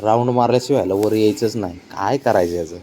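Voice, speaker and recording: A mellow-voiced man coaxing his cat outdoors. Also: lowish voice, fast talker, slight background noise. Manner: pleading, repetitive, gently scolding. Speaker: cat owner filming his pet. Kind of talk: casual coaxing talk to a pet. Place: outdoors below a residential building, street nearby.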